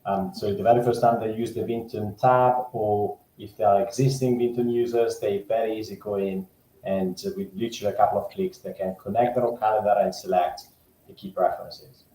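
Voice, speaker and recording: A man explains settings on a video call in a plain, matter-of-fact way, with small restarts. His voice sits low and mellow, and it comes through with a cave-like echo from a poor mic setup. A faint rumble runs under it. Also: fairly even intonation, fairly quick. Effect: echoey cave-like sound from a poor mic setup. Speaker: product team member on a demo call. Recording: echoey room with faint rumble.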